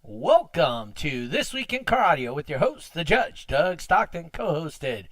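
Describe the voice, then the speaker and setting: A man hosting a casual car audio podcast livestream, chatty and quick to laugh. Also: a little high, sing-song, a bit bright, no room sound. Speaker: podcast host.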